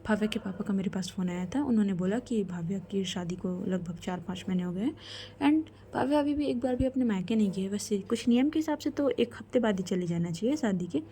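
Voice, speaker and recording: A woman voicing a kind middle-aged mother who speaks gently and reassuringly. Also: mid-range voice, fairly quick, slight background noise, natural voice. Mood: explaining.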